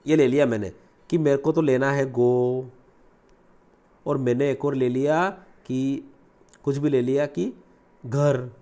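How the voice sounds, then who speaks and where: A man teaching English grammar in Hindi, mixing in English terms and repeating key words slowly. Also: on the high side. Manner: lively teacherly delivery, asks and answers own questions.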